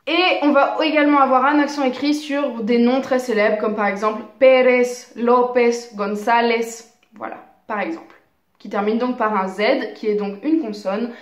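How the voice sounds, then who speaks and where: Woman, language teacher, fairly high voice, enthusiastic, slow careful examples, echoey room. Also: muffled recording. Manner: enthusiastic, spells out examples slowly. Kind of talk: explaining grammar rules.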